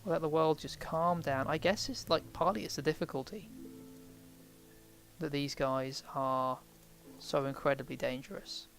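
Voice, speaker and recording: A man's voice: fairly high pitch, unhurried, a bit bright, faint music behind. A man giving casual let's play commentary, rambling and thinking aloud as he plays a game. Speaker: game streamer.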